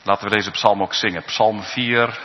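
A male pastor preaching an impassioned sermon, swinging between loud appeals and hushed asides. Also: lowish voice, fairly even intonation, normal speed. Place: church. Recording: dull sound with long church reverb.

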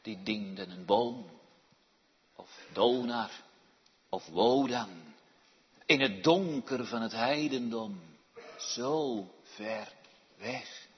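A man preaching a sermon in a church, swinging from hushed, slow words to loud calls. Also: mid-range voice. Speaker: pastor. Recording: dull echoey church hall.

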